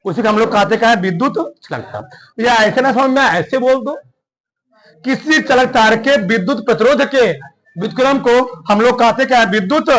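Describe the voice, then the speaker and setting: High-voiced teacher quizzing his class. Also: a bit bright, rough recording. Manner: keeps quizzing the class with rhetorical questions and repeating key words. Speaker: chemistry teacher. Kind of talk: classroom lecture.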